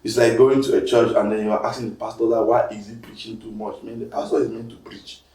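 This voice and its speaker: Animated comedian, roomy and distant. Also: male voice, quick pace. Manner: animated, swings up loud and high when protesting, mixes in Pidgin. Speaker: comedian guest reading mean comments. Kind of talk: casual talk-show chat.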